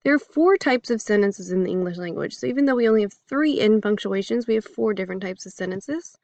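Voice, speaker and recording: A woman's voice: mid-range voice, expressive, fast, a little mellow, no room sound, highs cut off. A woman teaching a casual grammar lesson in a chatty, upbeat way, with fillers and jokey examples.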